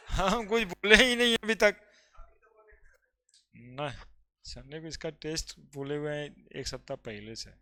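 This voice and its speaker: Bright-voiced chemistry teacher. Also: male voice, sits high, clear, resonant tone. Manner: chatty, joking with students before teaching; loud and emphatic when explaining. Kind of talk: classroom teaching.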